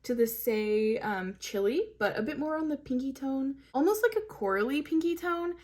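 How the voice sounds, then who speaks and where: A woman's voice: high-pitched, animated, normal speed, darkish tone. Chatty woman gushing over makeup. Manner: chatty, gushing, many fillers. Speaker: beauty vlogger. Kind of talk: casual product review. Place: home, hot weather.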